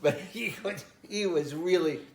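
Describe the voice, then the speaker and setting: A man's voice: high voice, a little slow, noisy background. An older man telling family stories with animation, acting out the voices and laughing as he goes. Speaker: interviewee. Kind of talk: casual family storytelling. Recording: echoey room.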